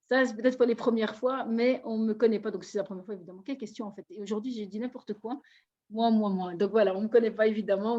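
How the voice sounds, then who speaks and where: A woman's voice: fairly high pitch, darkish tone, dull audio. A woman from Belgium giving a live online presentation, effusive, greeting attendees by name. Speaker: network marketing presenter.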